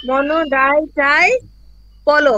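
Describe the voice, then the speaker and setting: A woman's voice: high voice, flat delivery, slow, bright, forceful tone, dull audio. A woman answering as a student in a live online class, earnest and eager.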